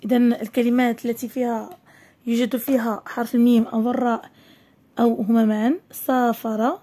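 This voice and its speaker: A high-voiced woman with a Moroccan Arabic accent teaches young children. She draws each word out slowly, syllable by syllable. Her tone is mellow and dark rather than bright. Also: little pitch movement. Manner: stretches words slowly syllable by syllable. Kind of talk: primary school lesson.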